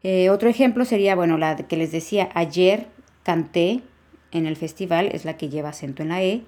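A woman hosts a casual grammar podcast. Her voice sits slightly low, and she explains patiently, going over the same example more than once so it sinks in. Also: a little mellow. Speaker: Spanish grammar teacher, podcast host.

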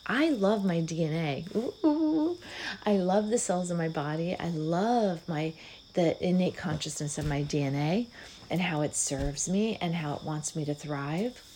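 A middle-aged woman hosting a spiritual podcast, speaking slow, soft gratitude affirmations with hums and sighs. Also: deep voice, a little hiss or hum, poor audio. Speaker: podcast host.

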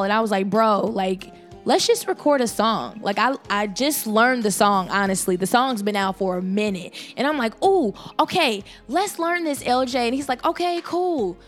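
A young woman hosts a casual podcast chat, her fairly high voice leaping up in pitch whenever she gets excited. She tells her stories in a lively, animated way. Soft music plays faintly behind her. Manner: animated, excitable storytelling with big pitch jumps. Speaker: podcast host.

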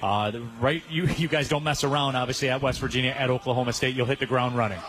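Male sports radio host, mid pitch, upbeat and chatty, live remote from a pub. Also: steady tone, fast, fairly bright tone, rough recording. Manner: upbeat, plugs sponsors, fills with "uh". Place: pub during a live broadcast.

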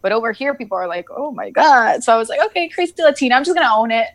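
Higher-voiced Argentine woman, candid and salty. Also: animated, fast talker, fairly bright tone, no echo. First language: Spanish. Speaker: podcast guest. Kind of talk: casual chat.

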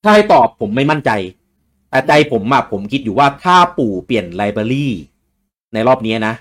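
A man hosting a casual gaming talk show, reading out viewer questions and answering them in a relaxed way with many restarts. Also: medium pitch, moderate pace.

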